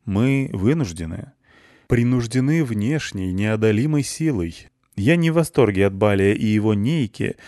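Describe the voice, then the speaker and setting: A patient, formal director, as a male narrator voices him, speaking in measured, courteous sentences. The voice is low and dry, set close with no reverb. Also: darkish tone. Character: calm, polite, morally compromised school director.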